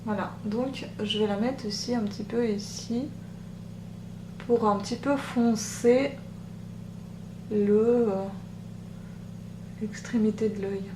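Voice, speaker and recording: Woman, soft voice, casual tutorial chat, hesitant; distant mic, roomy, loud hum behind. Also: on the high side, steady tone. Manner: chatty, hesitant with many pauses. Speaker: beauty vlogger. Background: machine hum.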